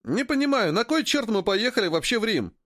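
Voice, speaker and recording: Man voicing a young grumbling trader, whiny, high pitched, lively intonation, dry close sound. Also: fast talker, no echo. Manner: whiny, complaining. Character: thin, stooped young male trader, grumbling.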